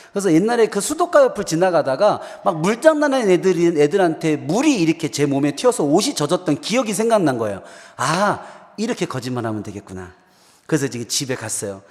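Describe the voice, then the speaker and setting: Animated male pastor preaching in a reverberant hall. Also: fairly high pitch. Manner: animated storytelling, addresses congregation. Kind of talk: sermon. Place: church sanctuary.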